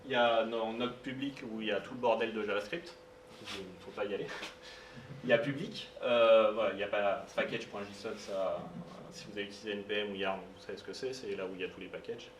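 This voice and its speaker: A man's voice: lowish voice, steady tone, brisk. A man giving a live technical talk at a meetup, speaking informally and hesitantly with many fillers and asides. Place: meetup room. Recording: roomy sound, distant mic, faint noise.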